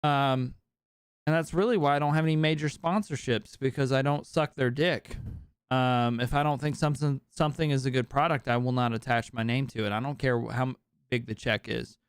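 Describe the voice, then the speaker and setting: A tired young man hosts a late-night podcast chat, rambling candidly and cursing often. His voice is smooth and crisp, recorded close and dry with no room sound. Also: mid-range voice, steady tone, a little fast, dry recording. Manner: rambling, candid, swears freely. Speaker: podcast host.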